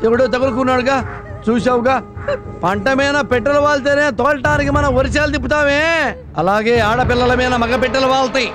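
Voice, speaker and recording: A man's voice: very high-pitched, brisk. An actor playing a fussy middle-aged husband, a former farmer turned politician, who lectures his wife theatrically in a film comedy. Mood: lecturing. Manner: theatrical, pleading then lecturing. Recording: film soundtrack with loud music.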